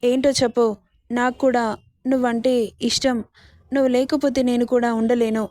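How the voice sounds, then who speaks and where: A woman's voice: a little high, little pitch movement, normal speed, darkish tone, no echo, studio quality, close to an everyday voice. A woman voicing a naive, heartbroken young female student in a spoken story, pleading. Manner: pleading, later childlike.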